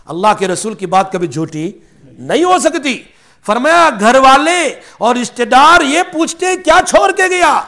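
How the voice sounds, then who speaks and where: High-pitched guy preaching, tells stories and does the voices, drops in english words. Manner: animated, acts out quoted voices, mixes in English words. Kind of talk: Urdu sermon with storytelling.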